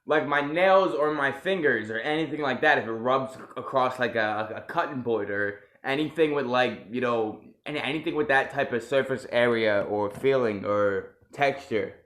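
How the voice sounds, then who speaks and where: A man's voice: mid-range voice, moderate pace, hardly any pauses, fairly bright tone, echoey room. A man giving casual reaction chat, speaking informally. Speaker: reaction video maker.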